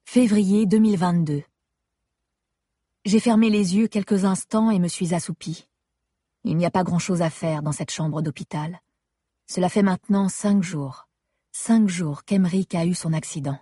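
A woman's voice: lowish voice, a little slow, warm tone, slightly rough, no room sound, studio quality. A woman reading a first-person story aloud in a restrained, intimate manner. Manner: intimate, restrained, rising to distressed pleading in dialogue. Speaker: narrator. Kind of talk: first-person audiobook narration.

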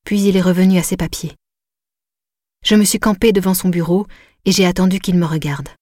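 A woman narrating a novel in the first person, in an intimate, measured way. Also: fairly low pitch, fairly even intonation, mellow, no room sound, studio quality. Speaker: audiobook narrator.

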